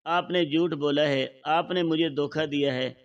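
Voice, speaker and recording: Storybook: young deceived bride read by a man, quiet and subdued, slightly distant mic. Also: on the high side, fairly even intonation, muffled recording, close to an everyday voice. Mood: distressed.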